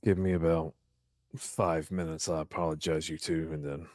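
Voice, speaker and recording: A woman in a roleplay whose voice is run through a voice changer that makes it very deep, speaking in a slow, measured, cold way as a masked interrogator. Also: level tone, a little mellow, no echo, clean studio sound. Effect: voice changer making the voice very deep.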